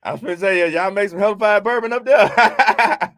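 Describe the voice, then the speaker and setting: A man's voice: high voice, moderate pace, a bit bright, dry recording, studio quality. A man co-hosting a business talk show, chatting casually and animatedly, laughing often and repeating words as he gets going.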